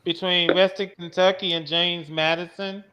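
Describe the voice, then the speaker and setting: A man's voice: high voice, level tone, moderate pace, bright, forceful tone, clean tone, lo-fi sound. A man co-hosting a sports podcast in casual chat, laid-back with frequent listening murmurs. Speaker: podcast co-host.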